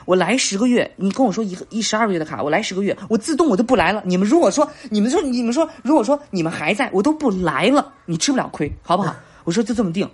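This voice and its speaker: A woman in her thirties tells stories on a podcast in a rush of words, her voice swooping up and down as she plays every part herself. Her tone is slightly husky and breathy. She laughs often and keeps the chat casual. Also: mid-range voice, racing, hardly any pauses. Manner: animated, acts out dialogue, laughs often. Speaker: podcast co-host.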